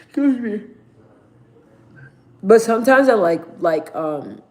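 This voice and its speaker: A woman's voice: mid-range voice, animated, slow pace, darkish tone. A woman in her thirties chatting casually with viewers on a livestream from her mother's house, rambling with lots of fillers and slang. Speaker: livestream host.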